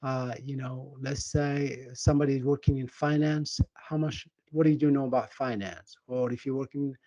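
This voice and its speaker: Halting Moroccan-accented man presenting a webinar. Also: mid-range voice, fairly even intonation, dark tone, no echo, highs cut off. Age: middle-aged. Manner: earnest, halting with many fillers and restarts. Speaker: webinar speaker and project management coach.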